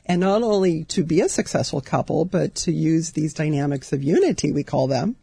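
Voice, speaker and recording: Outgoing woman counselor, 50s, hoarse and raspy, dark tone, enthusiastic radio guest. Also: low-pitched, expressive, brisk, no echo. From Southern California. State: hoarse from allergies. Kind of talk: radio interview. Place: radio studio.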